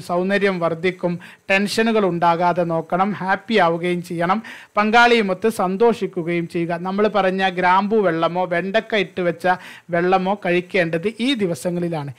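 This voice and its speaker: A man with a notably high voice narrates a health lesson from a script. He keeps an even, measured delivery and reads long lists item by item without hurrying. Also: clear, resonant tone. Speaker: health channel presenter.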